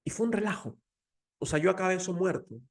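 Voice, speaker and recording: A man's voice: sits high, expressive, quick pace. A man with a Mexican Spanish accent giving an emotional, earnest faith talk, telling a personal story. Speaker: faith speaker.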